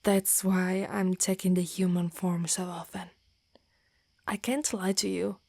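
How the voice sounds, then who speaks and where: An Italian woman performs an intimate, half-whispered ASMR roleplay as a devoted, lovestruck female dragon knight in human form, speaking in formal, halting phrases. Her mid-range voice has a dark tone, captured on a close microphone in a dry, studio-quality recording.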